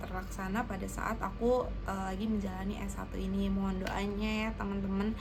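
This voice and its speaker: A woman in her twenties with a slightly hoarse voice, chatting casually and a bit hesitantly to camera as a vlogger. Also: medium pitch, background noise. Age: 20s. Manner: hesitant, self-conscious, informal. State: slightly hoarse from fasting thirst. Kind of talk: casual personal vlog chat to camera.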